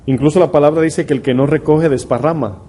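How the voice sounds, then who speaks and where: A man's voice: a little high, fast, dark tone. A middle-aged man, a pastor preaching a conversational sermon full of rhetorical questions to his congregation. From Dominican Republic.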